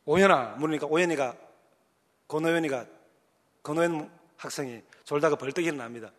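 A man's voice: on the high side, fairly quick. A male pastor with a Gyeongsang accent preaching a sermon, telling the story with emphasis and acting out voices. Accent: Gyeongsang Korean. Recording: long hall reverb.

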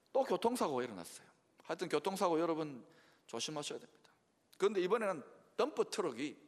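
High, lively-voiced male pastor preaching. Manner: preaching with frequent rhetorical prompts to the congregation. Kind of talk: sermon. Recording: long reverb of a large hall.

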